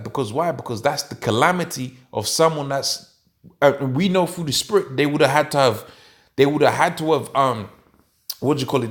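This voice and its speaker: Male preacher, emphatic sermon delivery, repetitive, stumbles and restarts, mid-range voice. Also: medium pitch. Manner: emphatic, repetitive, punctuated with "man" and "all right?". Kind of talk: street-camp sermon teaching.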